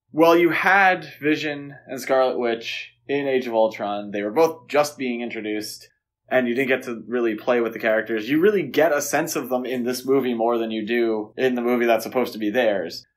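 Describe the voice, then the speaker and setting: On a podcast he co-hosts, a man discusses movies in relaxed conversation, his voice medium-pitched and at a normal speed.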